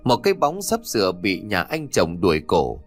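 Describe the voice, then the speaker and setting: A man narrating a scripted ghost story with dramatic, expressive delivery. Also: sits low, moderate pace, soft background music.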